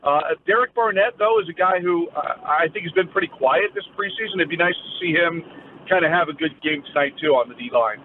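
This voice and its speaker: A man's voice: fairly high pitch, fairly quick. A man giving a live, conversational news field report as a sports reporter, phrasing his analysis loosely over a remote phone link. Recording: phone-like narrowband line with faint noise.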